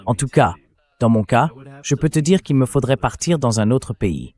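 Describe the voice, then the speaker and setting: A man in his thirties speaking in a measured, earnest way as a community vice-president in a dubbed interview voice-over. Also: medium pitch, animated, mellow. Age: 30s.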